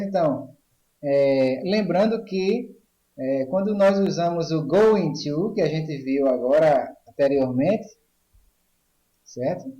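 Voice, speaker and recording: A man's voice: fairly high pitch, warm tone, roomy sound, muffled recording. A man with a Brazilian Portuguese accent teaching an online English grammar lesson, explaining step by step and often checking in with the class. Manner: explains slowly, checks in with "ok?" and "tá certo?".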